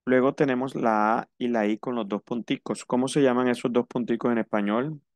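A man teaching a French lesson, slow and careful, repeating each word for his students. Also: medium pitch, steady tone, dry recording. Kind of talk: language lesson.

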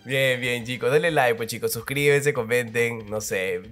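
A man giving live, excitable commentary over his own gameplay, repeating words in rapid bursts and cheering. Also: mid-range voice. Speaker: mobile game player and creator. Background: faint game music and gunfire.

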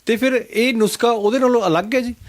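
A man's voice: very high voice, brisk. A man hosting a health interview, who gives short acknowledgments and asks the guests questions. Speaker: host.

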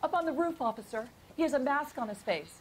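An anxious middle-aged woman witness in a video game, speaking urgently in a high voice over faint noise. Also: animated, quick pace. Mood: alarmed. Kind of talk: video game dialogue acting.

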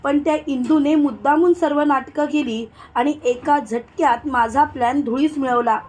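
A spiteful young woman from a retold serial story who flares up easily and plots to drive out her rival, read by a woman narrator. She sounds defiant and bitter, in a high voice. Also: normal speed, darkish tone, lightly acted.

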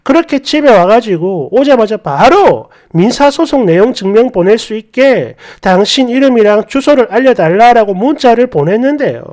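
A woman narrating a reader's story in a lively, indignant storytelling manner. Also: on the high side, normal speed, hardly any pauses.

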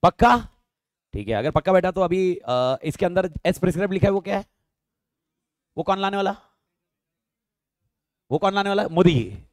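A man's voice: high-pitched, expressive, moderate pace, pauses often, a little mellow, no room sound, clean studio sound. A man teaching law in a live online lecture, asking his students questions and answering them himself, mixing Hindi and English.

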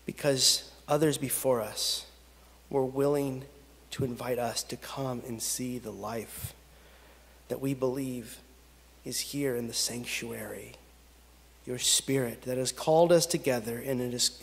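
A man in his thirties, a pastor, leading a pastoral prayer and reading scripture from the pulpit in slow, measured phrases with long pauses. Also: mid-range voice, gravelly. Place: church sanctuary at a pulpit. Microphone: pulpit gooseneck microphone. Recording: long reverb of a church sanctuary.

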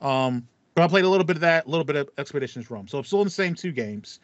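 His voice runs on the high side, racing along with lively intonation and no room sound, as the American co-host in his thirties talks games casually. The recording, made in a small home room with acoustic foam, is dry, slightly dull, and band-limited.

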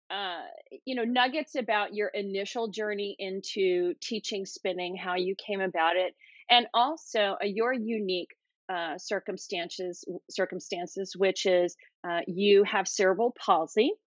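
A woman's voice: medium pitch, unhurried, no room sound. A woman in her thirties hosting an interview, upbeat and affirming, speaking from a home office. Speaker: host, senior advisor. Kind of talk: video call interview. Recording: dull lo-fi video call audio.

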